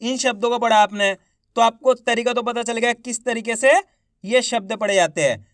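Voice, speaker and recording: A man teaching children to read, sounding out each syllable slowly and then drawing out the whole word, while encouraging his viewers. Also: very high-pitched, fairly bright tone, no room sound, clean studio sound. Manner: encouraging, addresses viewers as friends. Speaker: Hindi reading teacher. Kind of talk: online reading lesson.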